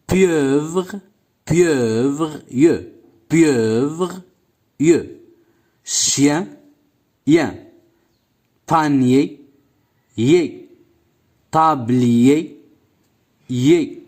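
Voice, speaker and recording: A man with a Moroccan accent leads a bilingual phonics lesson as a primary school French teacher. He speaks very slowly in a somewhat high voice, drilling each word over and over. His pitch swings widely from word to word. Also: darkish tone. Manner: slow drilling, repeating each word several times.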